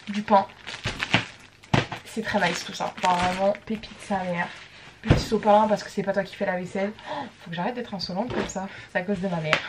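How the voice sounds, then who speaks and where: A woman's voice: mid-range voice, noisy background. A young woman, chatting casually in a bubbly, playful vlog and dropping English slang. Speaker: vlogger.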